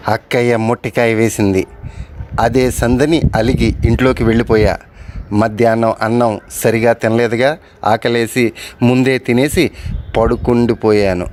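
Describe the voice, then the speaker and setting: A man's voice: medium pitch, level tone, a little slow, a little mellow, a little hiss or hum. A man telling a story from a diary, breaking off now and then to talk back to its writer. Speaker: storyteller reading a diary aloud. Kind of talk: storytelling narration with spoken asides.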